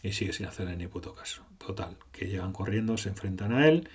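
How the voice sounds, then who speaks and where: A man's voice: low voice, lively intonation, fast, a little mellow, husky. A man from doing casual, sarcastic gameplay commentary, swearing freely as he retells the story.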